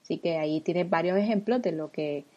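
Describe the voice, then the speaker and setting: A woman's voice: on the low side, a little fast, mellow, dull audio. A woman from Puerto Rico with a Puerto Rican accent, explaining everyday words with examples in a casual, friendly talk. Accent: Puerto Rican Spanish. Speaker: language blogger guest.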